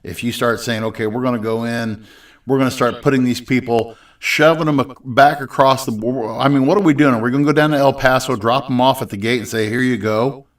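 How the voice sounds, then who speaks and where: A man's voice: medium pitch, steady tone, brisk, distant mic. A man co-hosting a casual podcast, talking politics in a rambling, hesitant way full of restarts. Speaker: podcast co-host.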